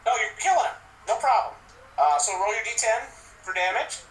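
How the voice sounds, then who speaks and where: A man narrating as game master, animated and laughing, now and then yelping little creature cries. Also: high voice, a little fast, echoey room, far from the mic, slight background noise, low-quality recording.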